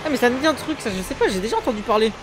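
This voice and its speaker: A man giving casual, excitable reaction commentary full of street slang. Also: very high voice, very fast, over music. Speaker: reaction video host.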